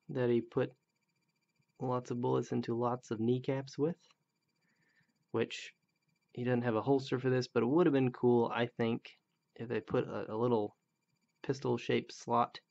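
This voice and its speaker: Gravelly, grumbling man reviewing a toy. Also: medium pitch, darkish tone, muffled recording. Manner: blunt, grumbling and critical. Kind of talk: casual product review.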